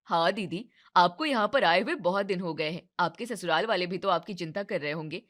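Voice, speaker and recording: A woman voicing a younger sibling who speaks firmly and reasonably to an older sister in an animated story. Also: fairly low pitch, fairly quick, voice pushed down, natural voice.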